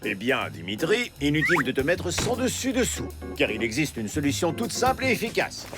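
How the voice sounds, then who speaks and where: A man voicing a smooth-talking, exaggerated infomercial pitchman in a French cartoon dub. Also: huge pitch swings, fairly quick, loud music behind the voice. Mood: salesy. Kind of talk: parody advert, French cartoon dub acting.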